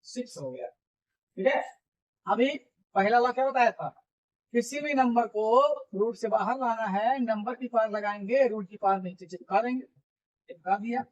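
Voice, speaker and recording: Male coaching teacher with a high, dull-sounding voice; informal, repeats himself and checks in with the class. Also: normal speed, pauses often. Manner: repeats points and checks understanding often; informal, calls students buddy and brother. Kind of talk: classroom video lecture.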